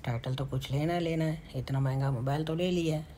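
A man giving casual commentary over his own mobile game matches, excitable and muttering to himself. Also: on the high side, fairly quick. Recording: noisy with game gunfire behind. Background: gunfire and game sounds.

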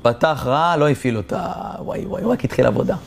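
Rabbi with an animated storytelling voice. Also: male voice, gravelly, a little hiss or hum. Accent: Israeli. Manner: animated, acts out the dialogue with rising pitch. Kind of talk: storytelling sermon.

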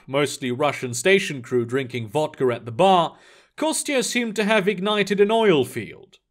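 A man narrating a science-fiction story in a steady, expressive reading. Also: high voice.

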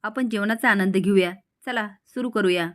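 A woman's voice: medium pitch, normal speed, a bit bright, lightly acted. A woman voicing a jovial, food-loving middle-aged man who exclaims and teases in a storybook recap. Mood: jolly. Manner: exclaiming, teasing.

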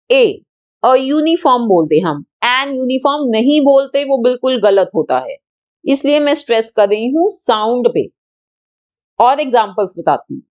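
A woman's voice: high-pitched, a little mellow. A woman teaching a grammar lesson to children, patiently repeating and stressing sounds and asking questions she then answers herself.

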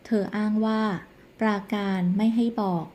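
Mellow-voiced woman narrating a drama recap. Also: medium pitch, normal speed. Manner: steady storytelling.

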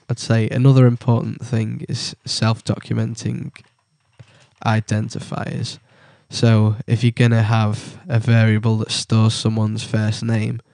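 A young British man with a cold talks through a coding tutorial, stopping often with ums and likes. His voice sits low and flat with a mellow tone. The sound is dry and close. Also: creaky, no room sound. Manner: halting, many ums and likes. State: has a cold. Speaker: tutorial presenter. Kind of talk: casual screen-recorded coding tutorial.

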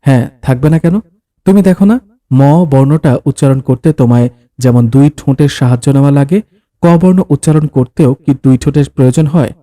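A man's voice: medium pitch, fast talker, warm tone, no room sound. A man reading a story aloud, voicing a husband who patiently explains things like a teacher, recorded close in a dry booth. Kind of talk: scripted story narration of dialogue.

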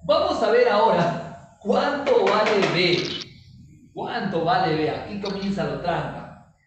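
A male chemistry teacher explains step by step in a playful, teasing way, checking in with his class again and again. His voice sits high and moves with lively swings. The sound is far from the mic in a strongly echoing room. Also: unhurried, noisy background. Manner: playful, teasing, asks many check questions. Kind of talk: recorded classroom lesson. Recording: very echoey room, distant mic.

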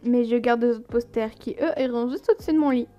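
A woman's voice: a little high, brisk, dull audio, soft background music. A woman reading a story game aloud, stumbling over words and breaking off into chatty, giggling asides. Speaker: gaming streamer.

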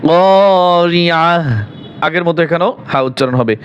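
Slow, high-pitched man teaching recitation. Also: highs cut off. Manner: patient, drawn-out syllables, sing-song recitation. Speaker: Quran teacher. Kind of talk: spelling out and reciting verses slowly.

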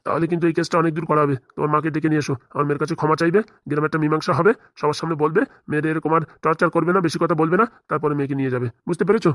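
Here a man voices the same stern, indignant father-in-law from a comic cartoon, a protective middle-aged figure who lectures insistently with rhetorical questions. The voice is natural, slightly high and a bit bright, and its steady tone races along with hardly any pauses. It's a studio recording without room sound.

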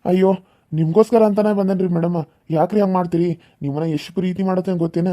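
A man's voice: high-pitched, fairly even intonation, quick pace, mellow, natural voice. A man voicing a lovesick, boastful young suitor in a cartoon serial, talking eagerly. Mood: fawning. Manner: eager fawning.

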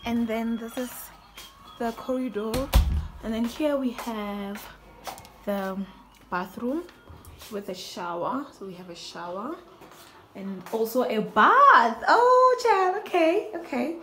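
A woman's voice: on the high side, lively intonation, takes it slowly, over music. A young woman casually narrating a house tour on a handheld phone, chatty and easily delighted, gushing over each room. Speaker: vlogger. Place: holiday lodge, indoors. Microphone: handheld phone camera.

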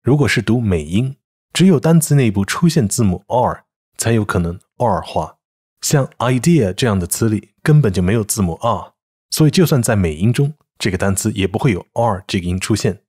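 A middle-aged man, teaching English pronunciation in a calm scripted lesson and patiently sounding out example words. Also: lowish voice, slightly rough.

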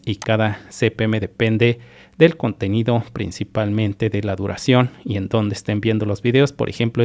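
A man from Mexico with a lowish, darkish voice hosts his own YouTube channel, explaining earnings over a screen recording. He's methodical and repetitive, speaking straight to his viewers.

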